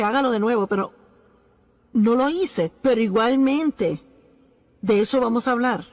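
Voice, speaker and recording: A high-pitched woman delivers a dubbed sermon as a preacher's voice-over. She speaks earnestly, leaning on key phrases and repeating them for emphasis, with pauses between points.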